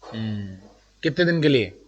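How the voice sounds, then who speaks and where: A man's voice: mid-range voice, expressive, a little slow, highs cut off, soft background music. A male teacher giving a live classroom lecture, talking directly and chattily to his students and mixing English terms into his speech. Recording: long room reverb.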